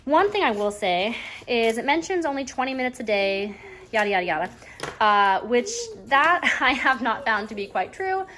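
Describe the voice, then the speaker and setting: A woman's voice: fairly high pitch, sing-song, normal speed, fairly bright tone. A woman, a homeschooling mother, chatting casually at home about a reading curriculum, rambling and often saying "anyways.". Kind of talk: casual chat review. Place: at home at a table. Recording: faint background noise and clicks.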